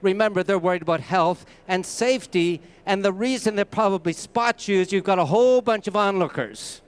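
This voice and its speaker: A Canadian man presents a masterclass on a conference stage before a live audience, sharing anecdotes and speaking to them directly in a conversational way. His voice is high, clear, and resonant.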